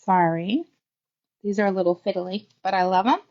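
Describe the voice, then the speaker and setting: A woman's voice: medium pitch, moderate pace. Woman livestream host, chatty and enthusiastic, slightly dull audio. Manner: chatty, gushing, thinks aloud while handling items. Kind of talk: casual product showcase livestream.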